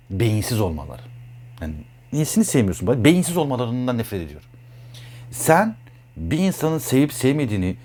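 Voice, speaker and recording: Blunt, heated, husky man. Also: mid-range voice, a little mellow. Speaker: astrologer. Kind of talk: casual monologue.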